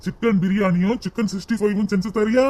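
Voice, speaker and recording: A man's voice: high voice, fairly even intonation, fast, darkish tone. A man voicing a fond, cheerful young husband in a cartoon, chatty, with a southern Tamil accent. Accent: southern Tamil, Tirunelveli.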